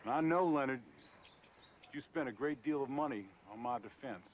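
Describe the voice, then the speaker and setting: Man acting a halting, remorseful man. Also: mid-range voice, a little hiss or hum, lightly acted. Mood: remorseful, resigned. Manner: halting, reticent. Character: remorseful, withdrawn man leaving home after a trial. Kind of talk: naturalistic film drama acting.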